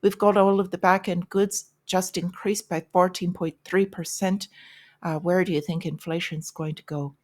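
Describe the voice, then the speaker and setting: A woman's voice: on the low side, steady tone, normal speed, darkish tone. A woman hosting a market and news commentary show, opinionated, with sarcastic asides and frequent fillers. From United States.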